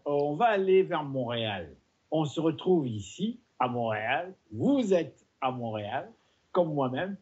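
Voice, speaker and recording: Husky-voiced man hosting a TV magazine. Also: medium pitch, darkish tone, muffled recording. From Democratic Republic of the Congo. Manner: friendly, welcoming audience address. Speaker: TV magazine host. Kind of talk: hosted interview.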